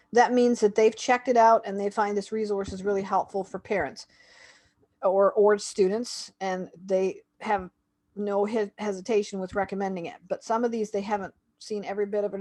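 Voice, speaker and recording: A woman's voice: medium pitch, darkish tone. A woman reviewing a homeschool website, talking casually and thinking aloud as she clicks through it. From Canada. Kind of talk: screen-share website walkthrough.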